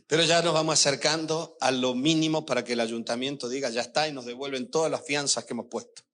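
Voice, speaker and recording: With a medium-pitched, somewhat bright voice and fairly even intonation, an older pastor preaches at a quick pace, telling personal stories emotionally and talking directly to the congregation.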